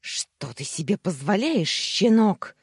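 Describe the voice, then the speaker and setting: A man's voice: a little high, sing-song, slow pace, a little mellow, dry recording, clean studio sound, exaggerated voice. A man voicing a scheming, fat middle-aged uncle who shrieks and splutters, in an audiobook reading. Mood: shrieking. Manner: shrieking, spluttering, then nervous babbling.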